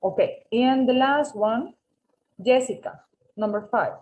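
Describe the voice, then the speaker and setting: A woman's voice: a little high, slow, a little mellow, rough recording. A woman teaching an English class over a video call, patiently correcting students and mixing with English. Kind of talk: online class instruction.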